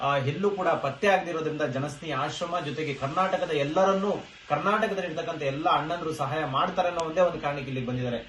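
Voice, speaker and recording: A man's voice: a little high, fast talker, fairly bright tone, a little hiss or hum. A man from Karnataka hosting a social-work video, making an urgent, emotional appeal to viewers. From Karnataka, India. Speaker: social worker and video host. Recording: roomy, distant mic with faint ambience.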